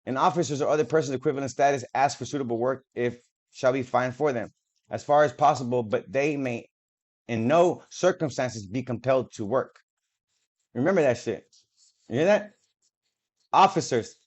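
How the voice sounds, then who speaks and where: Speaking at a moderate pace with long pauses, this man has a medium pitch. The video creator reads official documents aloud on camera, tripping on words and tossing in casual, profane comments, recorded with dull lo-fi sound.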